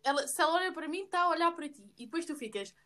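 A young woman with a European Portuguese accent in casual chat with a friend, quick and animated, often talking over her. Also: high-pitched.

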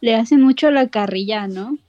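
A woman, chatting quickly and casually with friends. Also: a little high, darkish tone, soft background music. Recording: muffled, lo-fi mic.

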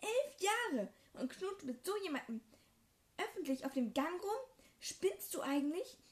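A woman voicing a furious young teenage boy who shouts and scolds his younger sister, in an amateur audio story reading. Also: very high-pitched, very animated, measured pace, voice pushed up, full character voice. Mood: outraged. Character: furious young teen boy, protective older brother.

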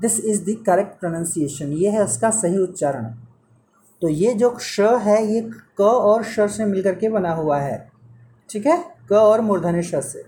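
A man's voice: high-pitched, slow, mellow. A man teaching Hindi pronunciation to a student one-on-one, patiently repeating sounds and correcting mistakes.

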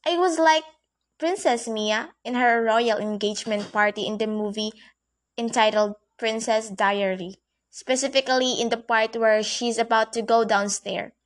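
A woman's voice: fairly high pitch, measured pace. A woman reading her own first-person fantasy story in an earnest, wide-eyed way, with frequent grammar slips.

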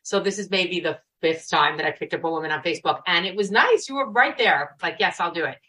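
A woman's voice: lowish voice, lively intonation, brisk, bright, forceful tone. Chatty Brooklyn woman hosting a podcast. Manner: chatty, jokey and self-deprecating. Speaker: podcast host. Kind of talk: casual interview chat.

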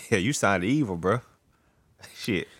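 A man's voice: fairly low pitch, lively intonation, takes it slowly, breathy edge, no room sound, clean studio sound. A young man co-hosting a casual podcast, easygoing, laughing often and answering with short agreeing sounds. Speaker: podcast co-host.

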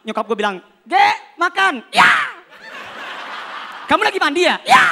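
A young man performing a stand-up comedy routine, animated, acting out characters with sudden shouts and voice changes. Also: very high voice, moderate pace.

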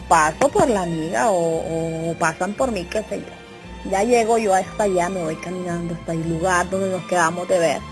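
A young woman performing a chatty, exaggerated comic monologue and often checking that the listener follows her. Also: fairly low pitch. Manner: chatty, exaggerated, keeps asking "you get me?". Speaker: comedian.

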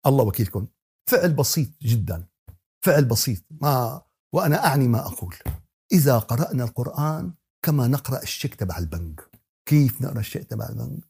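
A man with a Levantine Arabic accent giving a religious lesson in everyday dialect, animated and joking, asking his audience many rhetorical questions. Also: medium pitch, fast, gravelly, husky. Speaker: Quran teacher.

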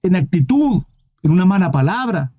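Male preacher, very high and mellow voice, emphatic, rhetorical, addresses the listener as "brother". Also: big pitch swings, normal speed. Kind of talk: livestreamed Bible teaching.

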